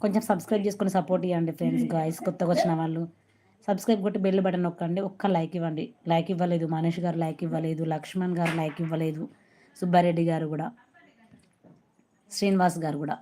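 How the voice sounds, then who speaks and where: Woman, Telangana Telugu accent, live-stream host, chatty, greets viewers by name, lowish warm voice. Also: fairly even intonation, rapid-fire. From Telangana, India. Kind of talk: casual live-stream chat.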